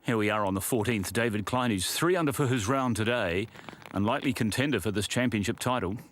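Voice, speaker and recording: A man's voice: fairly low pitch, fairly quick, slight background noise. A man anchoring golf tournament commentary, describing play in a presenterly, conversational way.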